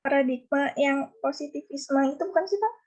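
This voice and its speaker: A woman's voice: high-pitched, normal speed, a little mellow. A female student answering her lecturer hesitantly in an online class.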